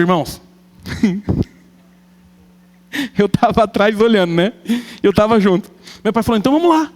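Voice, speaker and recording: Animated high-voiced preacher in a hall. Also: male voice. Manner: animated, comic, acts out family members' voices. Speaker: pastor. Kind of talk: sermon with humorous storytelling. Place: church hall. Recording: long church hall reverb.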